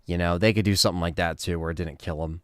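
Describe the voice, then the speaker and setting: A man hosting a casual livestream, answering chat questions in a relaxed, rambling way with lots of fillers. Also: low voice, fast, clean tone, dry recording, studio quality.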